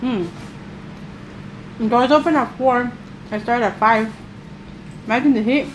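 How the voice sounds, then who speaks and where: A woman's voice: fairly high pitch, a little slow, poor audio. Chatty middle-aged woman vlogger, mouth full and chewing as she rambles, noticeable room noise behind. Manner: rambling, chatty, with many fillers. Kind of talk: casual eating-show chat.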